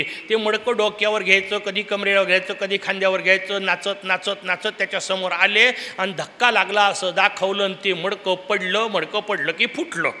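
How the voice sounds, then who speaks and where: Male preacher, high bright voice, storytelling sermon, long hall echo. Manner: narrates vividly, explains scripture. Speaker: religious discourse speaker. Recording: reverberant hall.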